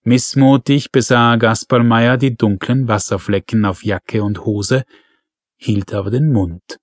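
A man narrating a crime audiobook in a calm, measured, wry manner. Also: mid-range voice, no echo, studio quality. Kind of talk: scripted narration.

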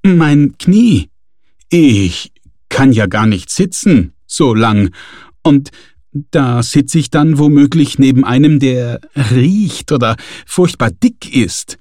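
A man's voice: mid-range voice, expressive, takes it slowly, mellow, no echo, studio quality. A man voicing a grumbling, fretful middle-aged man who whines and complains about leaving home. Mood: whining. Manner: whiny, complaining.

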